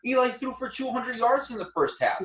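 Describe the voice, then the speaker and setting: A man co-hosting a casual sports debate, animated and often restarting his sentences as he argues. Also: very high voice, brisk, far from the mic. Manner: animated, stumbles and restarts when arguing. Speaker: co-host. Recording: echoey room, away from the mic.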